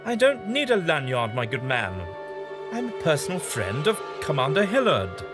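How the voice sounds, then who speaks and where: An actor playing a breezy, cheeky, eccentric time-traveller in an audio drama, with a theatrical manner. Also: male voice, on the high side, wildly swooping pitch, moderate pace, music in the background. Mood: breezy, chummy.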